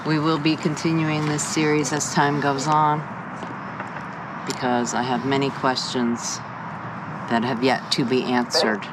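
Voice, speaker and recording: A paranormal investigator talking to ghosts, addressing spirits aloud in slow, deliberate phrases during a session outdoors at night. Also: medium pitch, little pitch movement. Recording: very noisy outdoor amateur recording.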